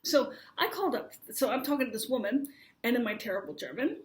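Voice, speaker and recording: American woman, forties, chatty storyteller, slightly high voice, acts out dialogue. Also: lively intonation, fast. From United States. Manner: chatty, laughs while telling, acts out dialogue. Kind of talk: casual storytelling to camera.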